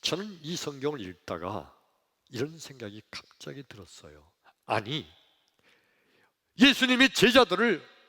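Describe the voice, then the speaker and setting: A male pastor preaching a sermon in a church, telling the story dramatically, acting out voices and swinging between loud outbursts and hushed lines. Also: fairly high pitch, creaky. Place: church sanctuary. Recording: long hall reverb.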